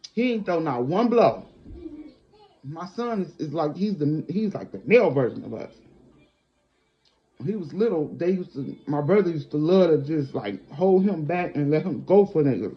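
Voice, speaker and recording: A middle-aged woman telling a personal story casually and bluntly, acting out what people said, in a dull lo-fi recording. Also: lowish voice. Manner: animated, blunt, acts out quotes. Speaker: storyteller vlogger.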